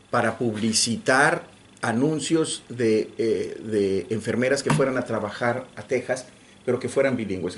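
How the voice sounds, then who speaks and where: A man from Mexico speaks at a lecture in a library room, animated and emphatic, restarting his sentences often. His voice sits at a middle pitch. Faint noise hums behind him. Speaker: guest lecturer. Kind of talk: lecture discussion.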